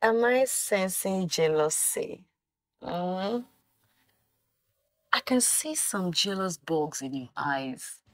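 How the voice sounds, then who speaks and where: A woman's voice: fairly low pitch, lively intonation, takes it slowly, pauses often, no echo. A Nigerian woman playing a flashy, boastful young woman who teases and gossips, mixing Pidgin into her English. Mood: gossiping. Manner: teasing, boastful, mixes in Pidgin. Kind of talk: Nollywood film acting.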